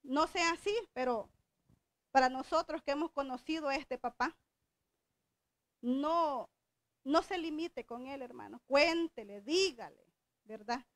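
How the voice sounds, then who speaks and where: Woman preacher from El Salvador, middle-aged, high voice, conversational sermon delivery, dry close recording. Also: a little slow, pauses often, no room sound. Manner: conversational, asks the congregation questions.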